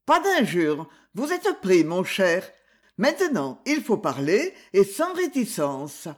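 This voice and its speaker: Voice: medium pitch, huge pitch swings, takes it slowly, heavily acted. A reader voicing a cool, commanding young woman detective in an audiobook, who can slip into a stammering tipsy act. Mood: cold commanding. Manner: shifts from drunken stammering to icy command.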